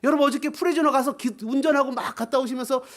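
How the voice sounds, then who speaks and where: A male pastor preaching a sermon, animated and quick to act out voices. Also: extremely high pitch. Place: church.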